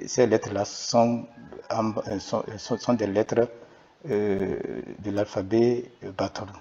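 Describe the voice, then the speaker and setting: Hesitant low-voiced man teaching. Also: creaky, a little mellow, breathy edge. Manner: hesitant, many fillers and self-corrections. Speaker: literacy teacher. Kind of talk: explaining an alphabet lesson. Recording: dull lo-fi recording.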